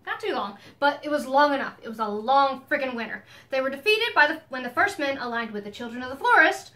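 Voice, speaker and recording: A woman with a notably high, bright, clear voice walks through a story's history at a quick pace in casual chat. She sounds like a relaxed co-host, easy and playful, and she laughs often along the way.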